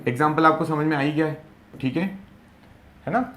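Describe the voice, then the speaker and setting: A young man teaching a Hindi grammar class for exam preparation, who asks rhetorical questions, answers them himself and repeats key words slowly. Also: on the high side, a bit bright.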